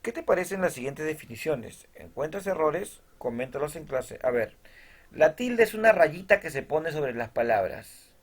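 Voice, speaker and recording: A man's voice: on the high side, animated, moderate pace. A male teacher giving a recorded lesson. He explains step by step, checks in with his students after nearly every point and reads definitions from the text aloud.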